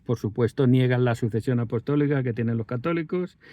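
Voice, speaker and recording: A man's voice: medium pitch, fairly quick, no room sound, muffled recording. A man, telling a personal story in a rambling way with many restarts. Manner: rambling, with self-corrections and fillers. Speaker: vlogger.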